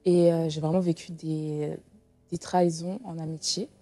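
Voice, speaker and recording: A woman's voice: deep voice, flat delivery, normal speed, warm tone. A woman in her twenties sharing a personal testimony in an interview, speaking hesitantly with many fillers and restarts. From Portugal. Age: 20s.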